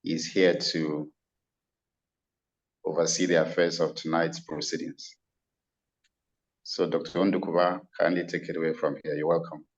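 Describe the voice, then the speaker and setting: A man with a Nigerian accent opening an online webinar, slow and formal. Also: rumbling low, flat delivery. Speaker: webinar host. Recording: dull lo-fi webinar audio.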